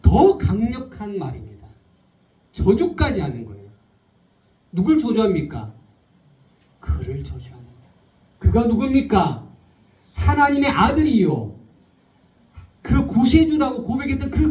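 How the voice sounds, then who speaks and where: Animated preaching man in an echoey church. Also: extremely high pitch. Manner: keeps firing rhetorical questions at the congregation; slows and stresses key words. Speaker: pastor. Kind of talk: sermon. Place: church sanctuary. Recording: roomy hall, speaker far from the mic.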